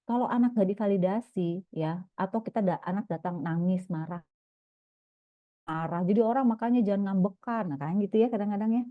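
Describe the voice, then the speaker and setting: A woman parenting coach giving a lively online seminar talk, acting out little scenes between parents and children. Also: medium pitch, a little fast, no room sound. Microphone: video call. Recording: dry, phone-like video call audio.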